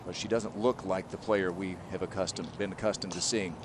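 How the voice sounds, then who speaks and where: A man working as lead golf commentator, calling tournament highlights and setting up each shot. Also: fairly even intonation, brisk, background noise. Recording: music behind the voice.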